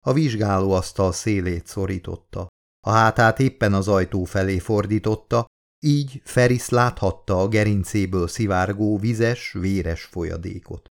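Lower-voiced man narrating an audiobook. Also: a little mellow. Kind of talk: scripted narration.

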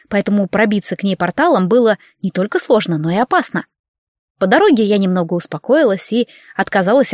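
A woman narrating a fantasy audiobook in the first person, with a wry, lively delivery. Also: mid-range voice, no room sound, studio quality.

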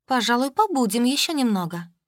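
A woman's voice: on the high side, sing-song, fairly quick, no echo, studio quality, pitched above the performer's own voice. A woman voicing a glamorous woman who speaks in a flustered, emphatic way. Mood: panicky. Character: panicky glamorous woman with gold nails.

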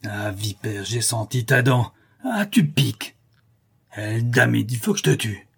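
A man voicing a coarse, grumbling outlaw with a hoarse, whisky-soaked voice. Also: mid-range voice, unhurried, fairly bright tone, heavily acted. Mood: gruff.

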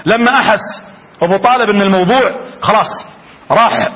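Fast, high-voiced preacher. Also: male voice, sharp tone, low-quality recording. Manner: fervent, addresses the audience directly. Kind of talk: religious lecture with storytelling.

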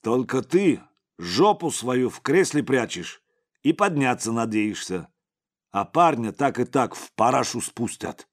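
A man voicing a blunt, gruff male bodyguard who mocks his boss in an audiobook. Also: mid-range voice, big pitch swings, unhurried, voice pushed up. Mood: scornful. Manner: mocking, blunt, crude.

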